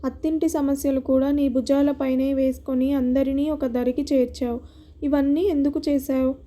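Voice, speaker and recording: A woman's voice: high-pitched, little pitch movement, moderate pace, dark tone, lightly acted. A woman voicing a caring, outspoken middle-aged woman who teases and scolds her friend. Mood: scolding. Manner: teasing, then scolding.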